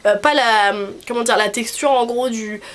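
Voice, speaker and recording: Young female vlogger, fairly high honking voice, nasally congested from a cold, informal and rambling, audible background noise. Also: normal speed. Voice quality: nasal, honking voice from a blocked nose. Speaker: cosplay vlogger. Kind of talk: casual video chat. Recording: clearly noisy background.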